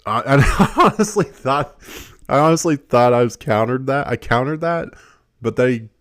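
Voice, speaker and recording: A man's voice: medium pitch, expressive, normal speed, fairly bright tone. A man giving casual gameplay commentary, swearing a lot, laughing often and rambling with restarts. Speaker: gaming video creator.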